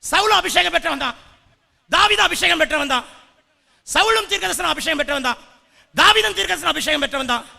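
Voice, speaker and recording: High-pitched shouting Tamil pastor, gravelly. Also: male voice. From South India. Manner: shouting, repetitive calls for the congregation to answer aloud. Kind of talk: fiery Pentecostal sermon. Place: church hall. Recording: reverberant church hall.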